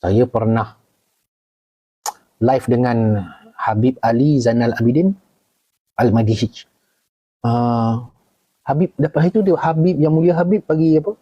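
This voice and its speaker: A middle-aged man with a Malaysian Malay accent, a retired army officer answering viewer questions in a casual live session. He talks animatedly, jumps up in pitch to stress a point and keeps checking in with the listener. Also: a little slow, pauses often, lo-fi sound. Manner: animated, leaps high for emphasis, keeps checking in with "okay?" and "right?".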